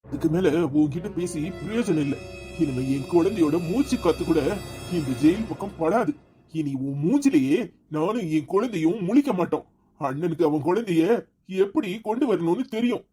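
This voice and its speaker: A man's voice: on the high side, lively intonation, moderate pace, mellow, soft background music, close to an everyday voice. An actor playing a protective father in a family drama, speaking firmly and emphatically. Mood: angry. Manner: firm, emphatic delivery. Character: protective young father, stern then gentle. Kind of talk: TV serial acting.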